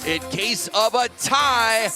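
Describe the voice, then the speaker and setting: Booming high-pitched male arena prize announcer. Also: animated, slow pace. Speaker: arena public address announcer. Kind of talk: in-game promotional announcing to fans. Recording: arena PA with hip hop music. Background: hip hop music.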